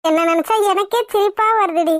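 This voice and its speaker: A woman's voice: very high voice, a little fast, no echo, studio quality. A woman voicing a chatty young village bride. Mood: amused. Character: cheerful young newly married village woman. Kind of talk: cartoon voice acting.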